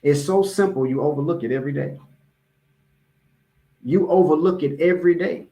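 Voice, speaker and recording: An American religious speaker with a fairly high, warm voice gives a public address at normal speed. The sermon is informal and motivational, full of repeated key phrases and conversational check-ins with the audience.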